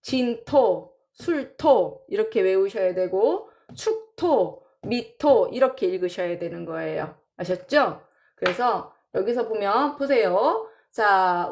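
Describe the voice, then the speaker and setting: A woman teaching a class in a casual lecture style, drawing out terms and repeating them as she counts and writes. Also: a little high. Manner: drawn-out, repeats terms while counting and writing. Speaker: saju teacher.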